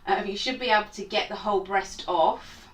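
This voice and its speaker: A woman's voice: mid-range voice, normal speed, echoey room, recorded from a distance. A woman hosting a casual cooking demonstration in her small home kitchen, chatty and rambling with self-mocking asides. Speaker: home cook and channel host.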